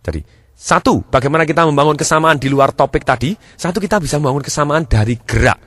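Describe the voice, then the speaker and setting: A man's voice: quick pace, fairly bright tone, no echo. Man teaching sales, dry close sound. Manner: demonstrative, acts out examples, shifts pitch and pace to show. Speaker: sales trainer. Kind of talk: motivational sales lesson.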